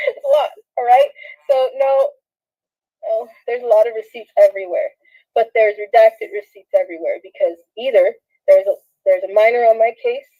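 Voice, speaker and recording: A woman's voice: mid-range voice, warm tone. A woman in her thirties from Southern California, talking straight to viewers in a rambling, slangy monologue while shaky and laughing through tears. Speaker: vlogger. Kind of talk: emotional direct-to-camera monologue. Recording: dull lo-fi phone audio.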